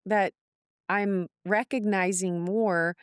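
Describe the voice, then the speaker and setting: Woman, middle-aged, podcast co-host, casual faith chat, smooth voice, dry sound, laughs often. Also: medium pitch, slow pace, dry recording. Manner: animated, laughing, playful asides.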